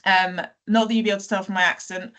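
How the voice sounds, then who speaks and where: Woman guest, mid-pitched, chatty and meandering, lots of ums and restarts. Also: little pitch movement, fast, a bit bright. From South Wales. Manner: chatty, many fillers and self-corrections, light laughs. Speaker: teacher and podcast guest. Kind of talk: casual conversational storytelling.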